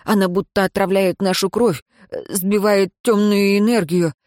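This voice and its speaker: A woman's voice: medium pitch, fairly even intonation, moderate pace, darkish tone, no echo, studio quality, natural voice. A woman voicing a stammering, frightened male servant in an audiobook, hesitating on every phrase. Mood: nervous.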